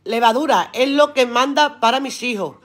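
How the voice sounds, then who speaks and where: A woman's voice: a little high, normal speed. Brief: woman, live-stream seller, chatty and earthy, swears casually, laughs a lot. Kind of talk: casual live-stream chat reading viewer comments aloud.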